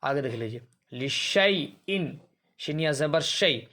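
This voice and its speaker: A man with a slightly raised pitch teaches a reading lesson from a chart. He explains patiently, repeating each example word slowly. He asks a question and then answers it himself. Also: a bit bright.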